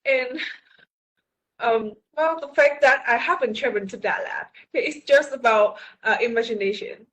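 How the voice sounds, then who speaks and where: A woman's voice: fairly high pitch, normal speed, a bit bright, poor audio. A woman student, talking hesitantly about her speaking practice. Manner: hesitant, nervous laughter.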